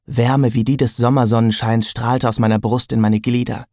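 A man narrates an audiobook in the first person, with a mid-range voice and wry, even delivery. The recording is dry and close. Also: medium pitch, moderate pace, no echo.

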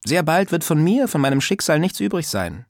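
A man's voice: a little high, very animated, a little fast, dry recording, studio quality, voice pushed up. A man reading an audiobook, voicing an old, talkative, insistent female neighbor in a raised, mock-polite voice. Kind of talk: audiobook character voice.

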